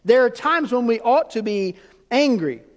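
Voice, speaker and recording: A man pastor delivering a sermon, swinging from loud emphatic lines to hushed, almost whispered ones. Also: very high voice, animated, moderate pace, long reverb tail.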